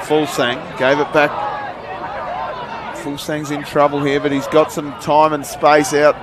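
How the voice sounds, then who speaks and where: A man with an Australian accent calling a live football match, excitable and shouting at big moments. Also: on the high side, measured pace. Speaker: sports commentator. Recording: outdoor ground with loud crowd and noise. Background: crowd and outdoor noise.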